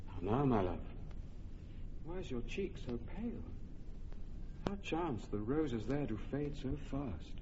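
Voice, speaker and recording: A man's voice: medium pitch, lively intonation, measured pace, long pauses, close to an everyday voice. An actor playing an earnest young nobleman in love, speaking verse tenderly in an old radio drama. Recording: dull lo-fi radio recording, faint hiss.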